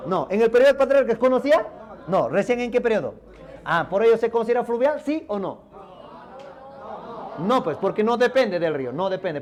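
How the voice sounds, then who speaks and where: A male teacher from Peru leading an exam review class in a classroom, firing quick questions at his students and answering them himself in a lower voice. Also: darkish tone.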